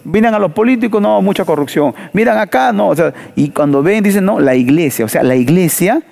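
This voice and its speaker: A man preaches in a panel talk. His voice sits a little high with a gravelly fry, and he drives his points home with rhetorical questions and vivid stories. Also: expressive, a little fast, darkish tone. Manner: emphatic, storytelling, rhetorical questions.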